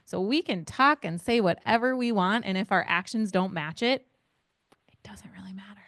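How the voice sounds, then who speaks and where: A woman with a smooth, clear voice runs an interactive parenting workshop. She keeps firing questions at the group and walks them through little exercises. The sound is dry and close. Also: medium pitch, moderate pace, fairly bright tone, no room sound. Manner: engaging, asks the audience many questions. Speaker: parent educator.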